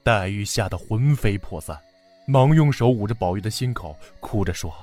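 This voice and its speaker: Expressive man reading a children's story. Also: fairly low pitch, moderate pace, faint music behind.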